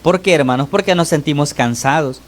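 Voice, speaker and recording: A man preaching a sermon to his congregation, often pausing to call on the brothers and ask "¿verdad?", his voice rising and falling sharply between phrases. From El Salvador. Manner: pitch and loudness swing widely between phrases. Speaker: lay preacher.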